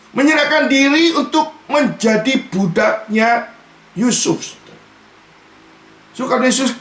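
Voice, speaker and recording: A man's voice: very high voice, a bit bright. A man preaching a sermon in a conversational way, often turning to the congregation as he talks. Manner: mixes in English "you" and casual Jakarta-style particles. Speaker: pastor. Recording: echoey room.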